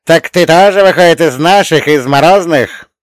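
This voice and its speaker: A man voicing a sly, excitable old frost spirit who drives a sleigh, with a folksy, coaxing manner. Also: measured pace, clean tone, no room sound, studio quality, lightly acted. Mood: egging on. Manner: folksy, coaxing, loud and high.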